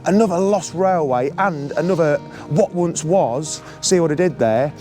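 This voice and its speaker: A man's voice: a little high, unhurried, dark tone, faint music behind. A man with an English East Midlands accent hosting a casual history vlog under a bridge, chatty and enthusiastic as a local guide. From Leicestershire, England. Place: outdoors beneath an old railway bridge.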